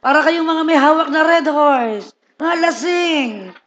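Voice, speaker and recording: Man preaching a sermon, high voice, joking around, keeps asking the crowd "right?". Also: a little slow, highs cut off, a little hiss or hum. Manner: humorous, asks the crowd "Di ba?" often; lively, acts out people's lines. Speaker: pastor.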